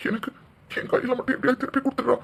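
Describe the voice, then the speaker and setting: A woman's voice: sits high, level tone, very fast, gravelly, husky, exaggerated voice. A woman voicing a frightened young man pleading to save his wife. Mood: anxious pleading. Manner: anxious pleading.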